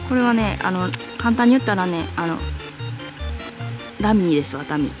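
A woman with a Kansai accent chatting excitably and jokingly while hunting bugs outdoors, sometimes shrieking in fright. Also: medium pitch, brisk, music in the background. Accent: Kansai Japanese. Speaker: vlogger. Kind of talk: casual outdoor bug-hunting vlog.

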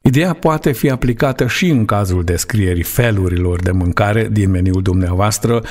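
Man, 30s, lecturer, low-pitched voice, measured studio course narration. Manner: measured, explanatory delivery. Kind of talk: scripted online lecture.

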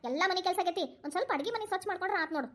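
A woman's voice: very high voice, racing, a bit bright. A woman voicing a busy, harried young mother who scolds and complains, with a Dharwad Kannada accent. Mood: scolding.

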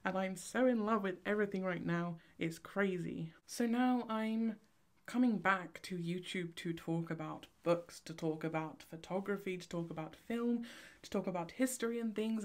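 A young woman from Cornwall with a Cornish accent, chatting to camera in a fast, chaotic, excitable vlog ramble. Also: lowish voice. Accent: Cornish English. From Cornwall, England. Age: young adult. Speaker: vlogger, photography student. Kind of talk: casual vlog chat to camera. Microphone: camera on tripod.

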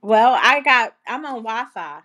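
A woman's voice: on the high side, lively intonation, a little slow, sharp tone. A woman in her forties co-hosting a casual live stream from home, playful and teasing, fumbling with the phone app. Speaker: co-host of the live. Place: living room at home. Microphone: phone held at arm's length.

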